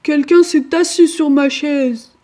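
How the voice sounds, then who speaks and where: A woman voicing the big bear in a storybook reading, shouting in outrage. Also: sits high, fairly even intonation, slow. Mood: angry. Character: big bear, loud and angry.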